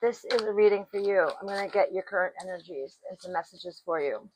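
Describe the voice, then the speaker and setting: Woman, tarot reader, unhurried, deliberate delivery, mid-pitched voice. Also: rough recording. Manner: speaks slowly and deliberately, clears throat often. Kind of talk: tarot reading to camera.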